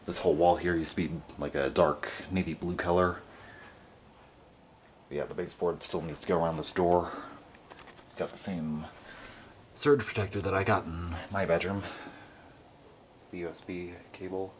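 A man's voice: deep voice, steady tone, normal speed, long pauses. A young man giving a casual, rambling tour of his family's house, filming on a handheld camera with lots of fillers. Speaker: vlogger. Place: carpeted family house indoors. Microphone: handheld camera mic. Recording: noisy handheld camera audio.

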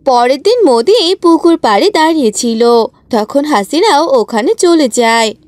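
A woman's voice: high voice, expressive, measured pace, darkish tone, no echo, soft background music. A woman narrating a comic cartoon story from a script.

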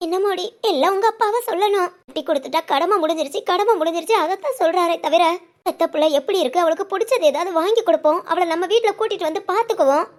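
A woman's voice: very high-pitched, quick pace. A woman voicing a worried middle-aged village mother in a cartoon family drama, complaining and rambling on the phone. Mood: lamenting.

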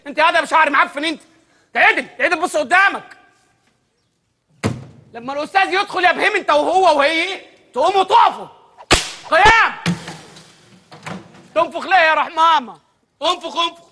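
A man's voice: extremely high pitch, a little hiss or hum, full character voice. An actor playing a stern, fussy Egyptian village schoolteacher who scolds his class in a comic drama. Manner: scolding, shouting orders, comic outrage. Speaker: strict village teacher.

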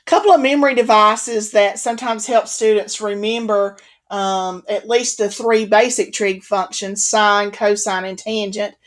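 A woman's voice: medium pitch, fairly even intonation, unhurried. A woman math instructor giving a recorded video lecture, patient and repeating key points with the odd "um" and "okay".

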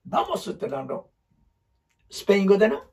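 Wildly animated man with Osaka accent. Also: high-pitched, brisk, vocal fry. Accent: Osaka Kansai dialect. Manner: blunt, rambling, acts out quotes in other voices. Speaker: photographer giving life advice. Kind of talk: casual talk with whiteboard explanations.

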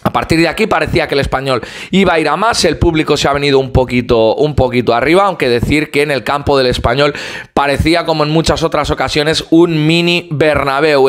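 Higher-voiced man recapping a match. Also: a bit bright. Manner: fluent, opinionated football analysis with occasional "eh" pauses. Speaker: fan channel host. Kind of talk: match recap and analysis voice-over.

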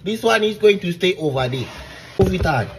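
A man's voice: high-pitched, expressive, moderate pace, faint music behind. A man from Jamaica hosting a casual comic food-tasting video, chatting playfully and asking viewers directly for help.

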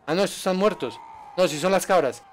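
Streamer man, high voice, excitable live play commentary. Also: fast, a little hiss or hum. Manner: excitable, yelps and laughs at danger, chats with viewers. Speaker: gaming streamer.

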